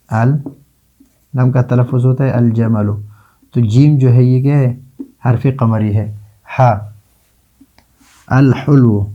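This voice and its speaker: A man teaching Arabic letters in a classroom lesson, slowly drawing out example words and answering his own questions. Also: mid-range voice, muffled recording. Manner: slow, drawn-out repetition of example words.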